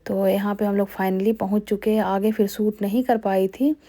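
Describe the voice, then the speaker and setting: A woman's voice: mid-range voice, flat delivery, moderate pace, mellow. A young woman, chatting casually as she explains wedding customs to her viewers. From Bihar, India. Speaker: vlogger. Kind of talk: casual vlog voice-over.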